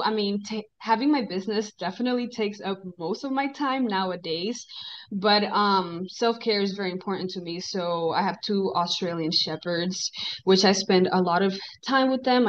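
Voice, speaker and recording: A woman in her twenties from the Dominican Republic, a guest on a podcast, talking in a friendly, relaxed way over a video call. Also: mid-range voice. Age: 20s. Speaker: guest, esthetician. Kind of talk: casual interview chat. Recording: dull video-call audio.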